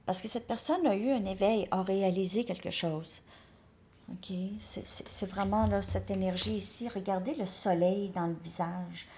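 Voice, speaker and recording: A chatty woman does a casual live tarot reading in a mid-range voice at a moderate pace, with slight background noise. She thinks aloud, repeats words, and slips into soft asides.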